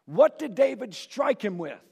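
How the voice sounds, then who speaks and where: A man's voice: extremely high pitch, big pitch swings, a little slow, vocal fry, a little mellow, husky. A man preaching a storytelling sermon in a church, dramatic and asking the congregation questions, with a long reverb.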